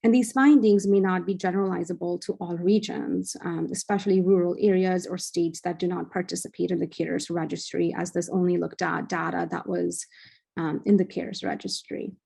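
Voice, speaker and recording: A young adult woman, a cardiology fellow, giving an academic journal club presentation in a measured way with frequent filler sounds. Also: on the low side, fairly even intonation, gravelly, dark tone, breathy edge.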